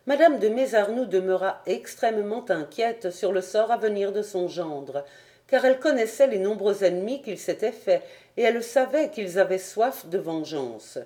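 A woman narrating a historical novel as an audiobook, reading in a steady, measured way. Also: medium pitch. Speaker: audiobook reader.

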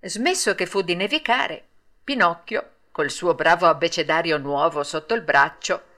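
A woman narrating a classic children's storybook aloud in an expressive, lilting way. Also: fairly low pitch, normal speed. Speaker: audiobook narrator.

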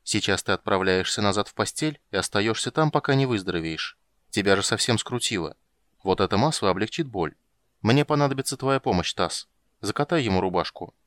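A man voicing a calm young male mage with a dry, sarcastic, measured manner in an audiobook. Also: lowish voice, no room sound. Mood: firm.

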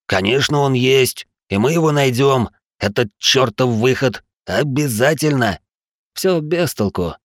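A man's voice: medium pitch, animated, a little slow, no echo, clean studio sound, pitched above the performer's own voice, natural voice. A man doing a weary cynical man. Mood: weary sarcastic.

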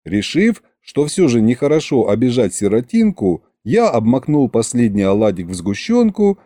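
Male audiobook narrator, wry and animated, slow, mellow dry close voice. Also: medium pitch, dry recording. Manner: wry, lively storytelling. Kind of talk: scripted narration.

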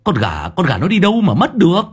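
A man voicing a shrill village wife who rains rhythmic, relentless curses on a chicken thief in an audiobook. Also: huge pitch swings, fast, breathy edge, soft background music, full character voice. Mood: cursing. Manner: rhythmic, relentless folk cursing. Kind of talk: audiobook character voice.

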